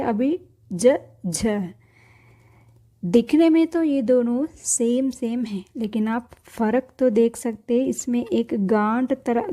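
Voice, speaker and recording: Woman, patient teacher, repeats letters, high-ish mellow voice. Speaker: language teacher. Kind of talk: step-by-step writing lesson.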